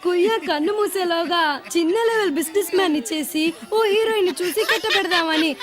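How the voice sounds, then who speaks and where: A sharp-tongued beggar woman, really high-pitched, mocking and reproachful. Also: fairly quick. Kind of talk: dubbed film dialogue.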